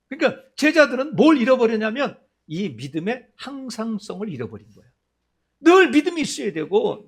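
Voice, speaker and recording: Animated, husky-voiced Korean pastor preaching. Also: male voice. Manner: lively preaching with many questions to the congregation; acts out quoted voices in a lowered tone. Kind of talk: sermon.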